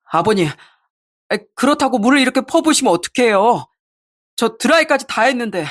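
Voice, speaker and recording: A woman's voice: a little high, lively intonation, brisk, voice pushed up. A woman voicing a petty, defensive middle-aged husband who talks back sulkily and dismissively. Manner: sulky and defiant, dismissive.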